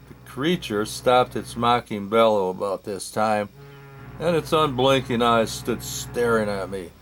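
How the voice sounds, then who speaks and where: A man's voice: mid-range voice, a little slow, a bit bright, soft background music. A man telling a first-person story, rambling and correcting himself with comic asides.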